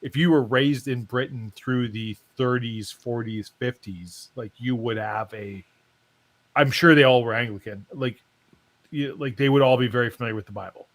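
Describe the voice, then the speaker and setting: A man's voice: medium pitch, normal speed. Canadian male co-host, casual and rambling, mid-range voice. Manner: chatty, rambling, many restarts. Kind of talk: casual chat.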